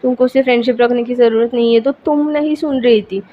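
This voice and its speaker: A woman voicing a bossy, quick-tempered young woman who scolds and gives orders, in a storybook reading on a dull, lo-fi recording with faint hiss. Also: on the high side, fairly even intonation, natural voice. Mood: scolding. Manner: scolding, commanding.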